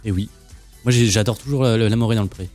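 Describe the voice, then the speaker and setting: A man's voice: lowish voice, fast talker, darkish tone, soft background music. A man hosting a casual student web radio show, opening segments and linking to the news in a hesitant way. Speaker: radio host.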